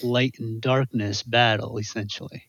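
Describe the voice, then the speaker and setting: A man's voice: mid-range voice, steady tone, normal speed, a bit bright, husky, no room sound. A man with a medium voice muses over ideas on a book podcast, piling one thought onto the next. His mic sounds dull and lo-fi, and the room is dry and close. He drifts a little between ideas. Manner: thinks aloud, speculative. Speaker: podcast co-host. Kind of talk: casual book discussion.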